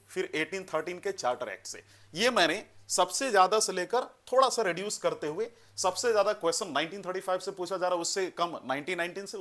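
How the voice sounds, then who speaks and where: Hindi-English exam coach with higher voice. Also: male voice, sharp tone. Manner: instructive, mixes English terms into Hindi, frequent "है ना" and "you know". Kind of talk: exam prep lecture.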